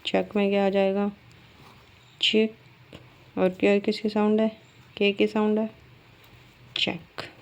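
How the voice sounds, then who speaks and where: A woman teaches a shorthand lesson step by step, patiently posing questions to her students and answering them herself. Her mid-range voice is creaky, level in tone and slow, with frequent pauses. She drags out words as she writes.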